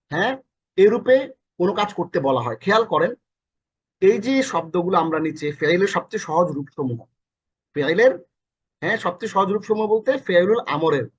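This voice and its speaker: A fairly high-pitched man with a Bangladeshi accent teaches a recorded lesson, repeating each meaning several times and fixing his own slips as he goes. His voice is a little breathy, and the recording sounds dull and lo-fi. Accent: Bangladeshi Bengali. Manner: corrects himself mid-lesson. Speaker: Quran teacher. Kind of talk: recorded lesson explaining Arabic verses.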